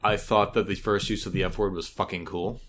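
A man in his thirties hosting a podcast, talking in a casual, animated way, swearing freely and restarting often. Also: deep voice, fairly quick, slight background noise. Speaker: podcast host. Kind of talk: casual chat.

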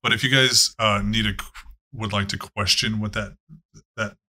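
A man's voice: on the low side, fairly even intonation, moderate pace, bright, forceful tone. A man narrating a tabletop game as game master, casual and profane, with frequent fillers.

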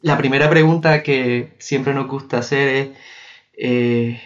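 A man hosts an interview and asks his questions haltingly, filling the gaps with hesitation sounds. His voice is mid-pitched, and the recording sounds dull and lo-fi. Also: steady tone, faint music behind. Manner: halting, lots of filler sounds. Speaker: podcast host. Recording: dull lo-fi audio.

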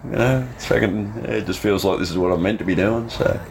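A low, deep voice of an Australian man in his fifties. He chats casually as a host, swearing freely in blokey slang, over noticeable background noise. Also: fairly quick. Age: 50s. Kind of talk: casual chat.

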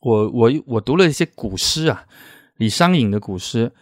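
A man with a Chaoshan Teochew accent, a native Teochew speaker, hosts a casual interview and talks haltingly, often repeating words. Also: medium pitch, expressive, no room sound, studio quality. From Chaoshan, southern China. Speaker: podcast host.

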